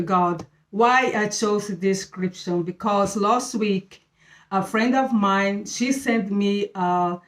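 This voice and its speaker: Speaking to camera from an echoey room, this channel host shares casual thoughts on faith. She's a middle-aged woman from Brazil whose English is halting and Brazilian Portuguese-accented, with a medium pitch and frequent filler-laden pauses as she hunts for words.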